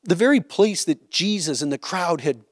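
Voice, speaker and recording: A man's voice: sits high, expressive, moderate pace, no echo, studio quality. A man teaching a Bible study, explaining a passage in a conversational way and often checking in with "right?".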